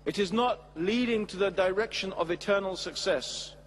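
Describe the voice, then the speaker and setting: A middle-aged man giving a measured, emphatic religious lecture at a stand mic on a large studio stage before an audience. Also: high voice, in a large hall, a little hiss or hum. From England. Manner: measured, emphatic, with expressive hand gestures. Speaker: Islamic preacher. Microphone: stand mic at a lectern.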